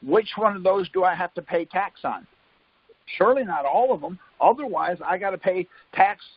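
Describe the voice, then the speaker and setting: Hosting a conference call, this man speaks at a normal pace in a high-sitting, expressive, slightly rough voice, recorded dry. His casual explanations ramble and self-correct, peppered with "see?" and "um," coming through a phone line as muffled call audio.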